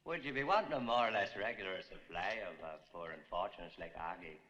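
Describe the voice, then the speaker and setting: A man's voice: low voice, fast talker, bright, forceful tone, highs cut off. An actor playing a sly male corpse seller in a 1960s film, who speaks in a wheedling, ingratiating way. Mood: scheming.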